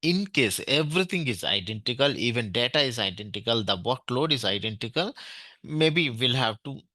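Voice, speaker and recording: Bright-voiced Indian man teaching a tech class. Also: medium pitch, expressive, moderate pace, dry recording. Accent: Indian English. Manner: explains step by step, checks in with "right?", many fillers. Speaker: database administration trainer. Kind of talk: online technical class.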